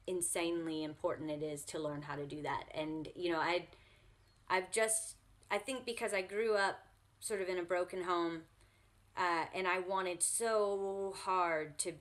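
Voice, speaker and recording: A woman with a lowish, slightly bright voice, a guest blogger on a remote call, answers interview questions earnestly. Her speech is full of fillers and repeated words, and she becomes tearful and starts crying as she goes on.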